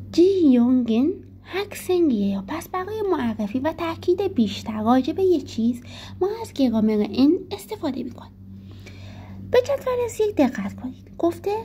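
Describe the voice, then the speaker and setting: A woman teaching a grammar lesson, explaining points and slowly reading example sentences aloud. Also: high voice, a little hiss or hum. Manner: lively instructive tone, stressing key points. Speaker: Korean language teacher.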